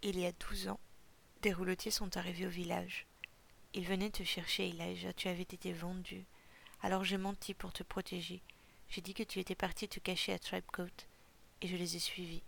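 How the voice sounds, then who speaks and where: A woman voicing a grave eldest brother, a hunter who speaks bluntly and defensively, in a low gravelly voice. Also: little pitch movement, normal speed, a bit bright, slight background noise. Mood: confessing.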